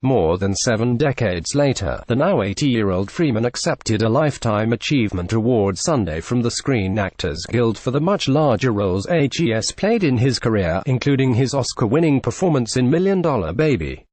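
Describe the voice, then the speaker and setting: A man narrating a scripted entertainment news report in a steady, even read. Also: mid-range voice, normal speed, hardly any pauses, no echo.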